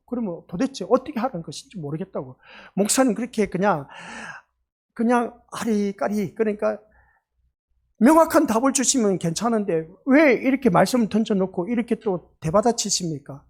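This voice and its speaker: A woman's voice: medium pitch, a little mellow, slightly rough. A woman pastor preaching a sermon in a small church, asking rhetorical questions and acting out quotes.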